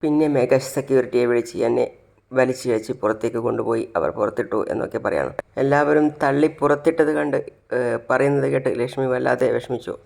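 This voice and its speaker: Gravelly male serial narrator. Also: mid-range voice, a little fast. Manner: plain, steady retelling. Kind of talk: retelling a TV serial episode.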